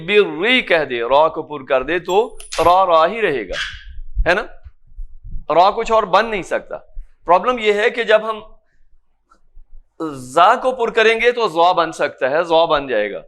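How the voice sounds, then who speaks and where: A man with a high-pitched voice gives a classroom lecture on Quran recitation. He explains each point patiently and stops to ask whether his students have understood. When he gives examples, he chants the words slowly. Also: fairly bright tone. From Pakistan. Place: lecture room in an academy.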